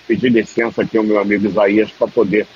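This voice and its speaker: A man's voice: lowish voice, fast talker, slight background noise. Sex: man. Role: doctor. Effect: on speakerphone. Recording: muffled phone line. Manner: calm, explanatory. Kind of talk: radio interview by phone.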